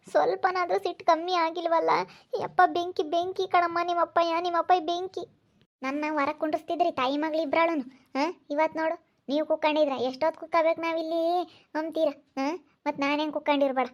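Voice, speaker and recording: A woman, singing a slow folk song and pleading in a village drama. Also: high voice, dull audio.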